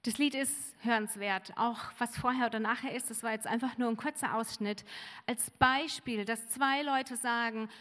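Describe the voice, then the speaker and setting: A woman's voice: on the high side, a bit bright. Woman preaching in a reverberant hall. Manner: earnest, rhetorical questions, inviting. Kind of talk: sermon. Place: church service hall.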